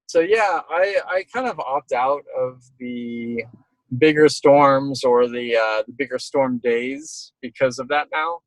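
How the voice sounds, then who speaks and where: A man's voice: medium pitch, slow, no room sound, poor audio. A middle-aged man speaking as an interviewed storm chaser, casual and reflective, talking in rambling stop-start phrases.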